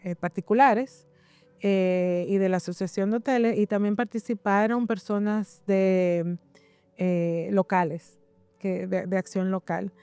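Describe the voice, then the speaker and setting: A woman's voice: mid-range voice, fairly even intonation, unhurried, dark tone, smooth, no echo, soft background music. A woman instructor, talking conversationally and often searching for words as she explains academic work. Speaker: university instructor.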